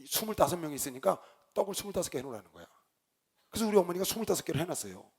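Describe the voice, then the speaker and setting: Animated husky man telling a sermon story. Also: rapid-fire. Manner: animated storyteller, shouts quoted lines, drops to low asides. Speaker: pastor.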